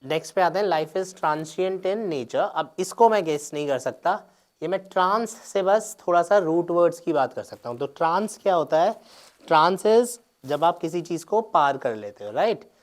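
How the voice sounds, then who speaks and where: A man's voice: a little high, expressive, normal speed. Man explaining exam answers step by step. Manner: explains step by step, mixing Hindi and English, with frequent check-ins. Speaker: teacher. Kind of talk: exam paper explanation lecture.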